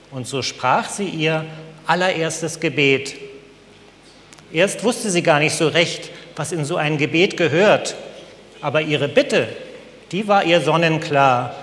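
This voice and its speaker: A man reading a children's story aloud at a gentle, measured pace. His voice sits a touch higher than most men's. A long reverb lingers in the room around him. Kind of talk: scripted storybook narration.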